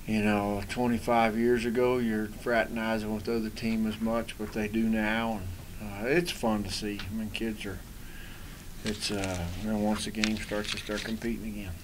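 A middle-aged man, a baseball coach, answering questions at a postgame press conference in a relaxed, rambling way with many fillers. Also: on the low side, moderate pace, noisy background. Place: small press room in front of a sponsor backdrop.

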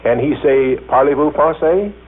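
A man's voice: a little high, moderate pace, husky. A man presenting a scripted radio broadcast, asking formal, polite questions. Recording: tinny 1939 radio broadcast recording.

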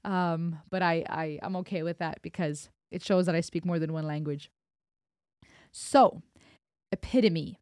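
A German music reaction host, German being her first language, gives a thoughtful, emphatic analytical song reaction, using hand gestures as she explains. Her fairly low, slightly mellow voice keeps a measured pace, and the studio-quality recording from her small indoor home studio has no echo, picked up by a close boom-arm broadcast mic while she wears headphones.

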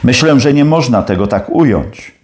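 A man's voice: medium pitch, lively intonation, moderate pace, darkish tone, close to an everyday voice. A man voicing a nervous young male student who answers hesitantly and deferentially.

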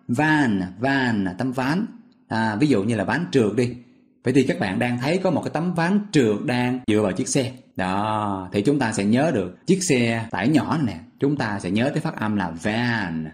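Man, medium pitch, patient teacher, explains step by step, quizzes listeners. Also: a little mellow. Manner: patient, repetitive, asks listeners questions. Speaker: English vocabulary teacher. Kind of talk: explaining memory tricks step by step.

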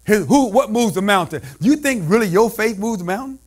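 A male pastor preaching a call-and-response sermon, shouting and slipping into a sing-song cadence. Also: high-pitched, animated, brisk, breathy edge.

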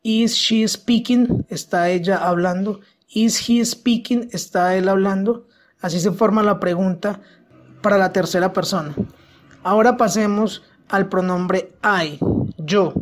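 An English teacher giving a methodical, step-by-step grammar lesson in Spanish, slowing down to pronounce each English example carefully. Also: mid-range voice.

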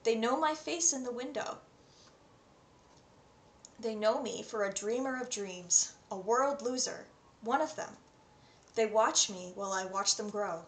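Speaking unhurriedly and pausing often, this twenties woman has a slightly high voice and a North American accent. She presents herself on camera as an online English tutor, reading poems in a small indoor room at home, where the recording carries roomy echo and faint noise.

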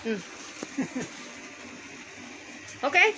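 An older woman stands in a small shop and confronts the staff. Her voice is very high and bright, and she fires the same accusing questions again and again. She is recorded close on her own phone. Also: big pitch swings, very slow, slight background noise. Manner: accusing, repeating pointed questions. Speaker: customer filming a complaint. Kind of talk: heated confrontation. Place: small convenience store, indoors.

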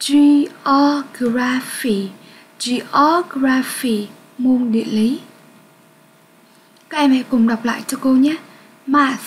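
A Vietnamese-accented woman with a high voice teaches English to children. She talks slowly and clearly and sounds out each word for pupils to repeat. A faint hiss sits behind her. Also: rough recording. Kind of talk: grade-six English lesson for children.

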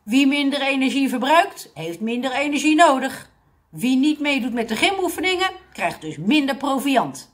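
Lady reading out a loud bossy gym boss guy barking orders, voice bouncing up and down. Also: high voice, big pitch swings, moderate pace, voice pushed up. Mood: bossy commands. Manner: shouting commands through a megaphone. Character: loud bossy male fitness leader, tireless.

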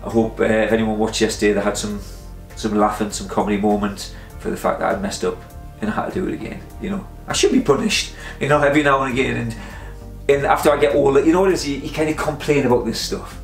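A man's voice: fairly low pitch, quick pace, gravelly. Man vlogger, rambling and chatty, roomy echo, faint guitar music behind. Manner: chatty, meandering, self-interrupting with fillers. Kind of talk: casual rambling talk to camera.

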